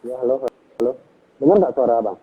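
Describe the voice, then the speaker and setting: A man conducts a casual interview over a phone call, asking short follow-up questions. His voice is a little husky. The line is thin and phone-like. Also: mid-range voice, fairly even intonation, quick pace. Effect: heard over a phone or online call.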